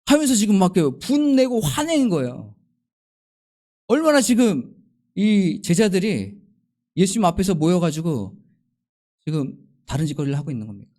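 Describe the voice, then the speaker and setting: A man's voice: high-pitched, very animated, normal speed, long pauses, mellow. A male pastor preaching a Sunday sermon, asking the congregation many questions and acting out the disciples' and Jesus' words. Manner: acts out quoted speech of disciples and Jesus.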